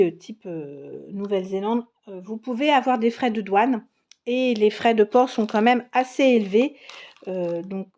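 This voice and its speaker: A woman's voice: on the high side, a little mellow. A woman casually showing scrapbooking supplies on camera, chatty and enthusiastic, with frequent fillers and restarts. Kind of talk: casual product show-and-tell.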